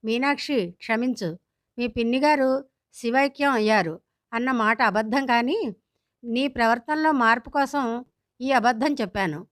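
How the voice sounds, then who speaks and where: A woman's voice: on the high side, a little slow, pauses often, dry recording, studio quality, lightly acted. A woman reading the lines of a retired elderly father-in-law who lectures his family firmly. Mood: stern. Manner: firm, lecturing.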